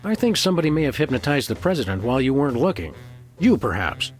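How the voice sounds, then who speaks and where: An actor playing an earnest, wry male dog detective in a comic cartoon game, with a deadpan manner. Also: medium pitch, quick pace, faint music behind, lightly acted.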